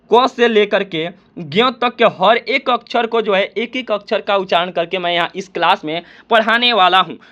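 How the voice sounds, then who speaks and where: A man's voice: sits high, pushed and bright, highs cut off. A man teaching a lesson, explaining step by step, often asking his viewers a question and answering it himself. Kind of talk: spoken classroom lesson.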